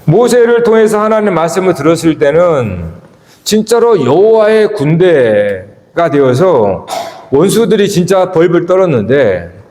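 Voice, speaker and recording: A man preaches a sermon in a church sanctuary, his pitch sitting fairly high and moving in wide, lively swings. He keeps asking the congregation questions and drops low between emphatic peaks. The recording carries the roomy echo and long reverb of the church hall. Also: measured pace. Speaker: pastor.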